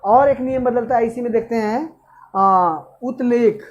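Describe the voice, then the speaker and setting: A man's voice: extremely high pitch, unhurried, dull audio. A male teacher giving an exam-prep grammar lesson, asking questions and answering them himself. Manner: asks and answers own questions, repeats "okay".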